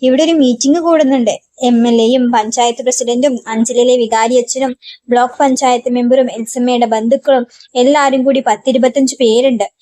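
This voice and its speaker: A woman's voice: fairly high pitch, steady tone, moderate pace, dark tone, no room sound, lightly acted. Woman reading as a wary old great-uncle. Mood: warning.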